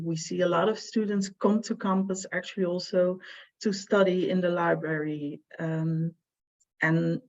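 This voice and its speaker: A woman's voice: lowish voice, creaky. A woman advisor giving an online information presentation for prospective students, hesitant and full of fillers. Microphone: video call. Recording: muffled lo-fi video call audio.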